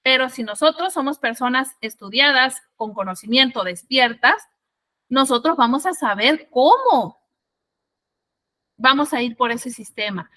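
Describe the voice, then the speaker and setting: A woman's voice: high-pitched, expressive, unhurried, pushed and bright. A woman giving a spiritual lesson, explaining her points through rhetorical questions. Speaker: spiritual teacher.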